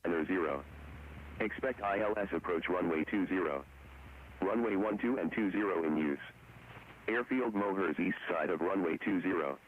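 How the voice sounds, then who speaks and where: A man reading a recorded airport weather and runway broadcast over aircraft radio, in a steady, clipped, rote delivery. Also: sits low, normal speed. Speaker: airfield information broadcast. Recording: tinny radio transmission with faint noise.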